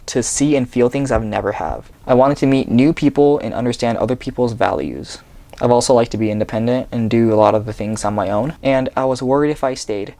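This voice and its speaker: A young adult man from Seattle, USA, with a mid-range voice and no room sound, reads a personal story from a script. He's a vlogger in a small bedroom, reading earnestly and steadily off a tablet.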